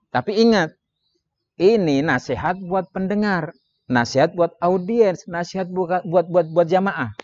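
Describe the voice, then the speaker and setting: A man giving a training lecture on public speaking, with lively delivery that jumps into sudden emphatic rises and slows into drawn-out demonstration phrases. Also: fairly high pitch, no echo, dull audio. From Indonesia. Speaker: Islamic preaching trainer.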